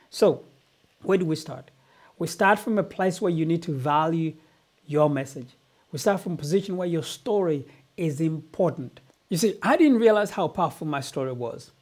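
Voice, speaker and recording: A man's voice: on the high side, darkish tone. A middle-aged man from Uganda giving a motivational business talk, telling his life story earnestly and often repeating words. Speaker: business coach.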